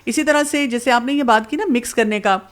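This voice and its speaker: A woman explaining diet and health as a guest expert on a talk show, in an earnest, advising way, mixing in many English terms. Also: on the high side.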